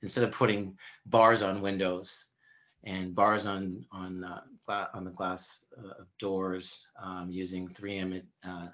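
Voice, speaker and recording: A man in his fifties answering interview questions in a halting, explanatory way. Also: low voice, level tone, a bit bright. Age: 50s. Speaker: interview guest.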